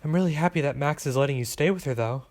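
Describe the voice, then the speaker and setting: A man voicing a gentle, caring middle-aged mother in an audiobook, close to his own gravelly voice. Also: on the high side, fast, close to an everyday voice. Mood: tender.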